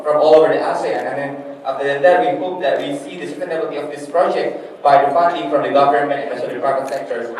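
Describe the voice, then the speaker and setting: A young man giving an earnest elevator pitch for a project, repeating phrases as he goes. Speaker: workshop participant pitching a project. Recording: echoey room, distant mic.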